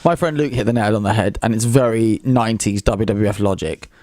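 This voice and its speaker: Young man, casual wrestling co-host, animated delivery, dry close recording. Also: brisk, no room sound. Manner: chatty, animated, jumps up in pitch for emphasis. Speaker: podcast co-host.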